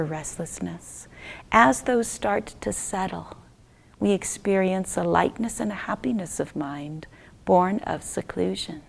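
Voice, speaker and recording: Gentle and unhurried, a woman teaching meditation leads listeners through short phrases that trail off softly into a near-whisper. Her mid-range voice carries vocal fry.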